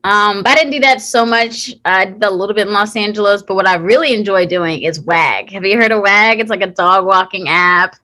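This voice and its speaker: A woman's voice: mid-range voice, fairly quick, hardly any pauses, sharp tone. A young woman actor talking in a casual interview, earnest and heartfelt, with many fillers and restarts. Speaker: guest, actor.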